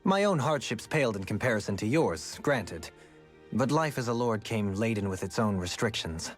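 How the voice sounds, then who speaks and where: An actor playing a refined, gentle and eccentric former lord in a game, speaking in formal, courtly phrasing. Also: male voice, lowish voice, animated, moderate pace, faint music behind, close to an everyday voice. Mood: reflective. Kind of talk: game character dialogue.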